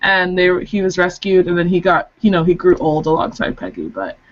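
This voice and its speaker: A woman's voice: on the low side, very animated, a little fast, muffled recording, a little hiss or hum. A woman in a casual fan recap chat, explaining things in a chatty way. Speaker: podcast co-host.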